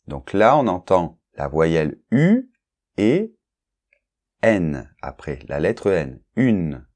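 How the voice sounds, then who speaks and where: A man's voice: low-pitched, very animated, slow, darkish tone. A man teaching a French grammar lesson, talking straight to one learner, repeating sounds carefully and checking in often with "ok?" and "d'accord?". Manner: addresses the learner informally, one to one; spells out and repeats sounds for clarity.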